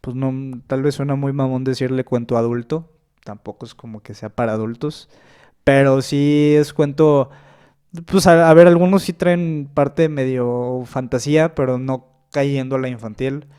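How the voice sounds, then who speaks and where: Escritor mexicano de voz resonante y clara. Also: male voice, medium pitch, steady tone, moderate pace, warm tone, smooth. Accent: Mexican Spanish. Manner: hesitant, thinks aloud with fillers like este and o sea. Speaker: guest, short-story writer. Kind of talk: casual podcast conversation.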